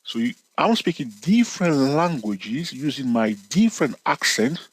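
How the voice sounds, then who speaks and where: A husky-voiced trading educator runs a casual screen-share chart lesson, speaking very animatedly at a moderate pace with no echo. He addresses viewers directly, checking in often with "okay?" and "all right?", and he's playful and teasing, his pitch jumping suddenly for emphasis.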